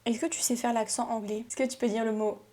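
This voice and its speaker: A woman vlogger chatting casually and reacting with quick, amused comments. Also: a little high, fairly even intonation, dark tone. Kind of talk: casual chat.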